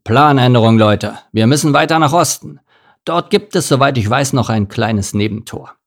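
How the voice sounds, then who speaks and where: A man's voice: lowish voice, normal speed, gravelly, breathy edge. A man voicing an arrogant male camel who leads a caravan and talks in a snappish, bossy, haughty way. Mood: commanding.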